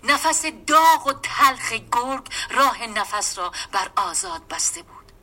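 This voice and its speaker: A woman giving a dramatic storybook reading, often dropping into a hushed, half-whispered voice. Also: fairly high pitch, lively intonation. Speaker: story reader.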